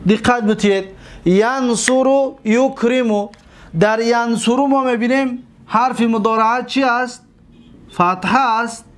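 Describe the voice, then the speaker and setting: A man teaching Arabic grammar to a class. He sounds out word forms slowly and asks questions that he then answers himself. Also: very high voice, fairly bright tone. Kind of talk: classroom lesson.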